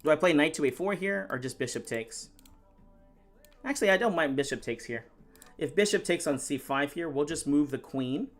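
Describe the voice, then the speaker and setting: A man's voice: on the high side, lively intonation, normal speed, faint music behind. A man giving live-stream chess commentary, thinking aloud move by move and chatting with viewers.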